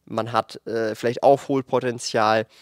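Holding a microphone in a studio room with collectible-filled shelves, a man in his late twenties who runs a finance YouTube channel talks candidly to camera. He works through numbers aloud with fillers and lively energy, at a measured pace and medium pitch, with no room sound.

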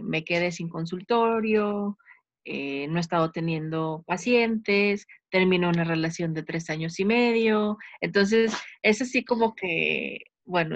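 A woman's voice: fairly low pitch, no echo. Candid Mexican woman on a dull call line. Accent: Mexican Spanish. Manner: candid, quick affirmations, laughs easily. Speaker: participant. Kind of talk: casual sharing on a video call.

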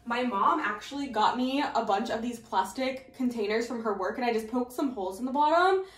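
In an echoing little tiled bathroom indoors, a young adult woman hosts her vlog channel, chatting casually to a camera a few feet away. She speaks on the high side and a little fast. The mic is distant, so the echo is strong.

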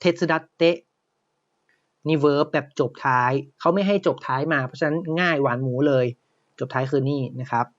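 A man's voice: fairly high pitch, highs cut off. A Thai man with a slight Isan accent teaching a Japanese lesson online, explaining step by step and often checking that listeners follow. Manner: explains step by step, often says "นะครับ" and asks "ใช่ไหม".

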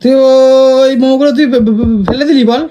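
A woman with a high voice scolds her younger sister in a casual home vlog. She sounds exasperated and keeps firing off nagging questions. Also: fairly even intonation, a little fast, warm tone, a little hiss or hum. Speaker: older sister in a family vlog. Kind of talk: casual family squabble.

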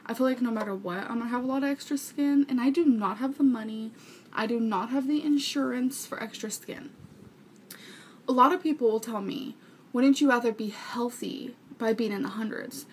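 Young woman, higher-pitched, chatting casually. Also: normal speed, slight background noise. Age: 20s. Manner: informal, rambling, earnest. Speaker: vlogger answering viewer questions. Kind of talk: casual chat to viewers. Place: small furnished bedroom indoors. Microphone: webcam or camera mic at arm's length.

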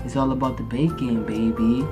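A man's voice: mid-range voice, fairly even intonation, normal speed, over music. A young man speaking in a casual, slangy, informal way, as in a prank-call vlog recorded indoors. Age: young adult. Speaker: prank caller and vlogger. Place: indoor room at home.

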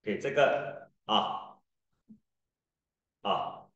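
Slow-talking man teaching pronunciation. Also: fairly bright tone, dull audio. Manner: patient, drawn-out demonstrations of vowel sounds. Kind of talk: tutoring lesson, mixing Mandarin and English. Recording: echoey room.

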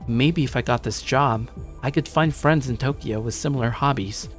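Lightly acted, a young man's mid-range voice proceeds at normal speed. He narrates and leads as a shy, slightly cocky gamer telling of his day in a casual, musing, upbeat tone reminiscent of an anime audio drama. The dry studio voice plays over background music.

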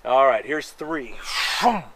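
A slightly nasal fitness instructor with a medium-pitched voice coaches a workout on an outdoor wooden deck among pine trees, speaking at a slow pace. He gives energetic instruction while exercising, counting reps and joking aside, though the audio is poor.

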